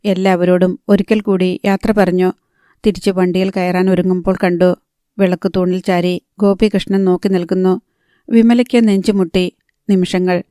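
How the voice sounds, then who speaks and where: A woman narrating a novel in a measured, steady reading. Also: fairly low pitch, no room sound, clean studio sound. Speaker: audiobook narrator. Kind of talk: scripted narration.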